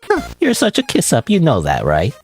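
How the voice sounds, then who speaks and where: A man's voice: fairly high pitch, wildly swooping pitch, normal speed, creaky, soft background music, voice pushed up, exaggerated voice. A man voicing a silly, sarcastic clown-like game character with a taunting, theatrical manner. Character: silly sarcastic clown-like male council member, cheerfully obnoxious.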